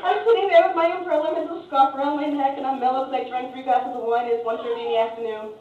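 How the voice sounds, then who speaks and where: High-voiced American woman doing stand-up. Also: rapid-fire, a little hiss or hum. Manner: chatty, profane, animated. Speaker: stand-up comedian. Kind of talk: stand-up storytelling. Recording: distant roomy dull live recording.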